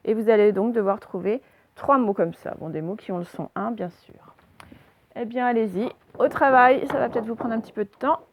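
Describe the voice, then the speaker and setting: Woman teacher doing a lesson for little kids, slow and patient, sounds out letters, a bit higher voice. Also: slight background noise. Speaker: primary school teacher. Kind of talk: recorded reading and exercise lesson for young children.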